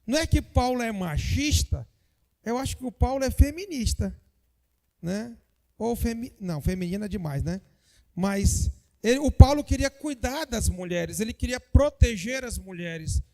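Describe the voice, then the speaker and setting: Speaking straight to the congregation, a Sunday school teacher leads a Bible lesson with joking asides and frequent tag questions. His extremely high, warm voice is animated at a normal speed, and the sound suggests a big room.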